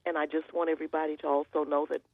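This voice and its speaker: An older woman, a guest on a talk show, telling family stories with animated quoting. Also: sits low, rapid-fire, no echo, phone-quality sound.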